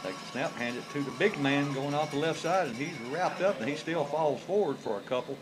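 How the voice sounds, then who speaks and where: A man's voice: on the high side, fairly quick, over music. A man giving conversational play-by-play of a football game in a folksy, informal way. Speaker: play-by-play announcer for high school football. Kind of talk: conversational live sports commentary. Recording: live game broadcast with clear background noise.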